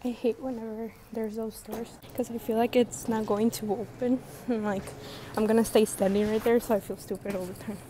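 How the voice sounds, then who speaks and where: A woman's voice: a little high, flat delivery, normal speed. A woman vlogging casually while walking outdoors, chatty and slangy, swearing often and poking fun at herself, filmed on a handheld phone. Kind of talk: casual vlog chat. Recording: noisy phone recording outdoors.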